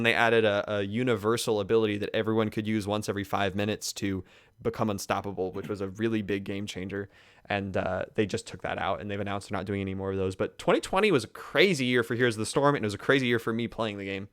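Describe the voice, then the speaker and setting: A man's voice: on the low side, quick pace, fairly bright tone. A man co-hosting a casual gaming podcast, chatting easily and laughing often. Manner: laughs often, earnest sign-off. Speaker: podcast co-host.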